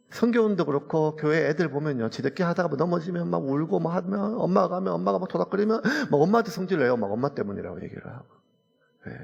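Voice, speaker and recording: Gravelly, husky pastor preaching in a church. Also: male voice, on the high side, muffled recording. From South Korea. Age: late 40s. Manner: earnest, conversational preaching with personal anecdotes. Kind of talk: sermon. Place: church sanctuary. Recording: reverberant church hall.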